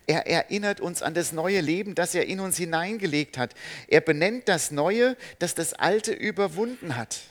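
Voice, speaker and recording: A man preaching a sermon, earnest, asking his listeners direct questions, swinging between emphatic peaks and soft, slow passages. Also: fairly high pitch, lively intonation.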